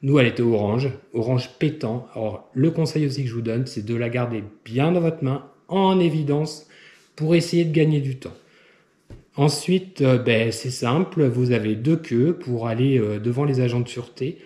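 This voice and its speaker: A man's voice: medium pitch, moderate pace, mellow. A man explaining a travel stopover step by step, hesitant and full of filler sounds. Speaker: travel vlogger. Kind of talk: casual explanatory travel guide. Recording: roomy echo.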